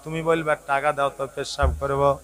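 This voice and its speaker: A man voicing a village cleric who gives soft, confiding advice. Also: medium pitch, little pitch movement, brisk, lightly acted. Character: calm advising village cleric, middle-aged man.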